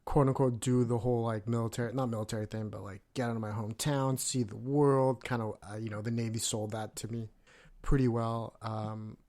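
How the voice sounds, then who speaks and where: A man's voice: medium pitch, flat delivery, fairly quick, darkish tone. A man in his thirties from California, a Navy veteran telling his story as a podcast guest in a loose, profane way, with lots of fillers. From California, USA. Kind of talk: casual podcast interview.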